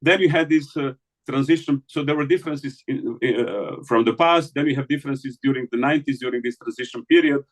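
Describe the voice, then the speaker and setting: A man from the Balkans talks through ideas in an academic interview. His voice sits at a medium pitch. He pauses often, filling gaps with hesitations and restarting his sentences. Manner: hesitant, many fillers and restarts. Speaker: interviewed scholar. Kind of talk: academic conversation.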